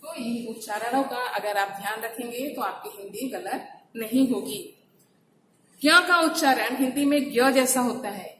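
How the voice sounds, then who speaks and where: A woman with a slightly high voice teaches a pronunciation lesson, going through it step by step and answering her own questions. She is recorded from some distance away in a very echoey room. A faint hiss sits under her voice. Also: moderate pace, a bit bright. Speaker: Hindi teacher.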